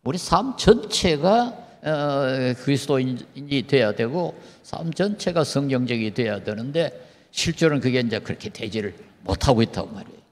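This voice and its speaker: An older male professor lectures at an unhurried pace, often putting rhetorical questions to his listeners. His voice sits at a middle pitch. A long reverb trails his words, as in a large lecture hall. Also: lively intonation. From Korea. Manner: asks the audience rhetorical questions.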